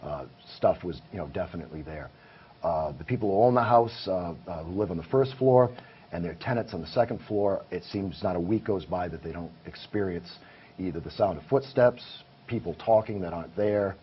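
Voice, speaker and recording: The audio is muffled and faintly hissy. A man with a low voice, speaking fairly quickly, is guest in a laid-back interview, where he describes his paranormal investigations earnestly and in detail.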